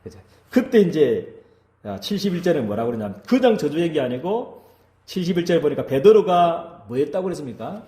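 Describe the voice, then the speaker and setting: A male pastor delivers a sermon with a warm, mellow tone, and his pitch rises and falls in lively swings. He keeps turning to the congregation to ask them to agree. The sound carries with an echo, as in a church hall. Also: brisk.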